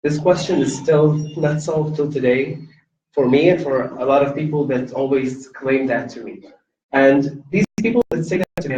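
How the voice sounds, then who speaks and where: An invited speaker from Lebanon, whose first language is Arabic, gives an earnest, impassioned personal testimony to an audience in a university event hall, with halting restarts and fillers. His voice is fairly high and a little mellow; the echoey recording sounds dull and distant, with slight background noise.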